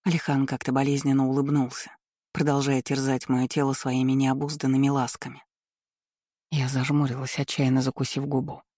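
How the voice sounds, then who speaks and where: A man reading a first-person romance novel aloud in a calm, even, unhurried way. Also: mid-range voice, dry recording, clean studio sound. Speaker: audiobook narrator.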